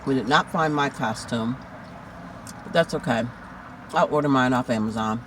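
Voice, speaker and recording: A man's voice: mid-range voice, normal speed, background noise. A man chatting casually in a food mukbang vlog, heartfelt and talkative, lingering over each item. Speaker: food vlogger.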